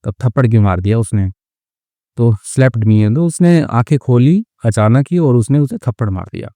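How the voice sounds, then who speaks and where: A man teaching English through a story, reading each English phrase slowly and then explaining it in a patient, chatty way. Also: mid-range voice, animated, dark tone, dry recording. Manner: reads English lines slowly, then glosses them.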